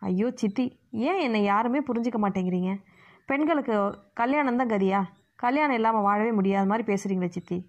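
A woman's voice: a little high, brisk, natural voice. A woman voicing an idealistic young daughter who speaks earnestly and pleads, recorded muffled and lo-fi. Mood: pleading.

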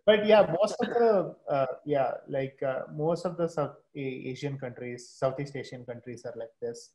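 A man's voice: medium pitch, moderate pace, a little mellow, poor audio. A young man from India with an Indian accent explaining things in casual chat as a guest, with hesitant repeated starts. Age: young adult. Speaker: podcast guest. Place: room at home, video call.

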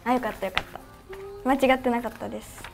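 A woman's voice: on the high side, fairly even intonation, quick pace, gravelly, music in the background. A young woman with a Kansai accent in a casual, giggly chat, laughing often as she talks. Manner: giggly, chatty, easily laughs. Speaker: idol group member streaming.

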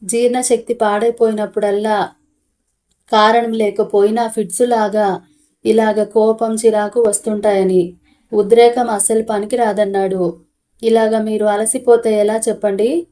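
A woman voicing a patient, caring wife who speaks gently and placatingly, in a storybook reading. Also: mid-range voice, little pitch movement, measured pace, close to an everyday voice. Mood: soothing.

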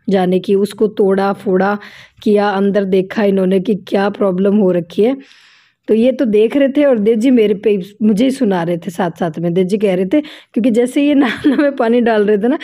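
Middle-aged indian lady vlogging about her house, chatty, mellow warm tone. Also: medium pitch. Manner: chatty storytelling, repeats phrases for emphasis. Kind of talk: casual home vlog narration.

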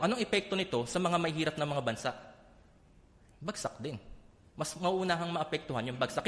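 A fairly high-pitched man delivers a public Bible talk in a congregation hall, and long reverb trails his words. He keeps turning to the audience with rhetorical questions. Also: a bit bright. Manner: asks the audience rhetorical questions, often tagging "di ba?".

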